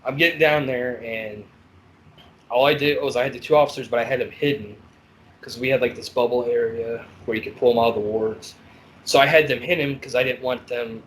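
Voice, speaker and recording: A man's voice: medium pitch, slight background noise, poor audio. Blunt profane man telling prison stories. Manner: blunt, profane, animated storytelling. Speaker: podcast host, former corrections officer. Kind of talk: casual storytelling chat.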